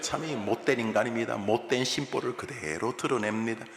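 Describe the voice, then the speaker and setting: A male pastor preaching a sermon in colloquial, animated storytelling style in a church. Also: mid-range voice, a little fast, a crowd in the background. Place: church sanctuary. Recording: echoey hall with long reverb.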